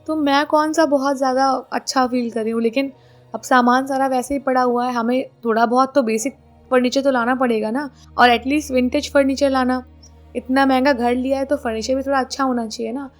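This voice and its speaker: A woman voicing a practical young wife and mother who briskly organizes the move and gently insists on getting things done. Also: high-pitched, steady tone, faint music behind, lightly acted.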